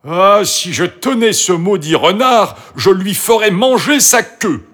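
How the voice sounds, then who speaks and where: Excitable guard dog, voiced by a man: high, loud, grumbly. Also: slow. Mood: angry. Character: fierce male guard dog, greedy and excitable.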